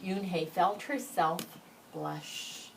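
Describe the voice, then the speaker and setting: A woman with a lowish, creaky voice stretches out her words as she reads a children's picture book aloud, acting out the dialogue with expression and slipping in brief asides. She's recorded from a distant microphone with background noise.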